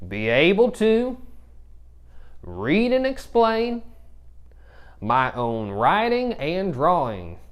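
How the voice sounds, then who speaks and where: A male teacher putting on a loud, high, drawn-out cowboy voice for a class. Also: huge pitch swings, clean tone, dull audio, heavily acted. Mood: playful. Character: hollering adult male cowboy.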